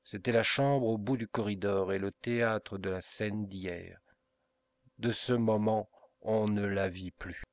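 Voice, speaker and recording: A man's voice: fairly low pitch, fairly even intonation, dry recording. Montoni, a man reading a grave brooding nobleman. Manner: grave, measured storytelling. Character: brooding proud middle-aged Italian nobleman.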